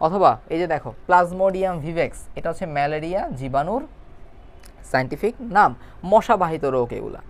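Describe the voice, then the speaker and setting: A young male teacher giving an online video class. He slows down to sound out long scientific names syllable by syllable and keeps asking his students if they understand. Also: a little high. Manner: spells out hard terms slowly syllable by syllable, often checks understanding. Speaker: biology teacher.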